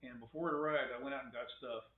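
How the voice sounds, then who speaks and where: A man rambles through a casual webcam monologue, wry and opinionated, stumbling over restarts. His voice sits at an ordinary pitch. The sound is thin and phone-like, with an echoey room around him. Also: steady tone, quick pace. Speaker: vlogger.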